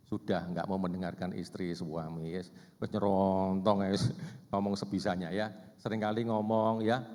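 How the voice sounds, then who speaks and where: A man leading a church seminar for couples, often asking the audience questions and tagging "Bapak Ibu ya" onto his sentences. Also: mid-range voice. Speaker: seminar speaker. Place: church hall. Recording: hall with long reverb.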